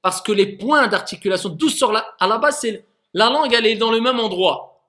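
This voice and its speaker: A man's voice: high-pitched, fairly quick, bright, forceful tone. A man teaching a classroom lesson on recitation, demonstrating letter sounds again and again and questioning his students.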